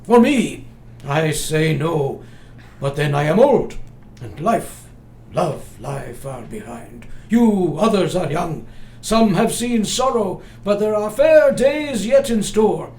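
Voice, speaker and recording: An actor playing an old foreign professor and vampire hunter in a radio play, speaking with grave, formal, halting earnestness. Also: male voice, high-pitched, animated, a little mellow, heavily acted. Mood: grave, resolute. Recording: roomy, faint background noise.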